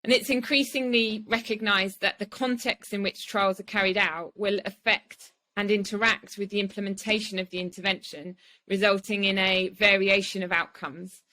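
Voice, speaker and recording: A woman's voice: medium pitch, steady tone, moderate pace, sharp tone, rough recording. A woman hosting a podcast, welcoming and interviewing guests. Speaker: podcast host.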